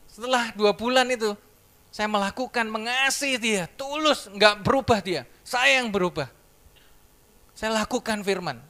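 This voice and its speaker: A man giving a sermon testimony in church, telling his story in a lively way and acting out the dialogue. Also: high voice. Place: church service.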